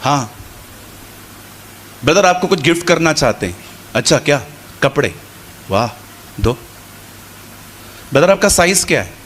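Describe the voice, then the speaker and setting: A man with a high-pitched voice delivers a conversational sermon to a live congregation, repeating phrases for emphasis and slipping into short acted-out exchanges. A faint hiss sits under the recording. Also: very animated, unhurried, pauses often, a bit bright. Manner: conversational Hindi preaching with repetition and quoted dialogue. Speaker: preacher.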